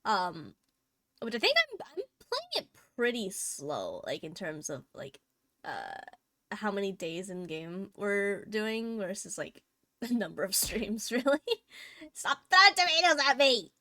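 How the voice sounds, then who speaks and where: A woman's voice: medium pitch, sing-song, slow, a bit bright, no echo, studio quality. A woman livestreaming in a playful, giggly gamer-girl manner, chatting casually with her viewers and swearing freely. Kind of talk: casual chat with live stream viewers.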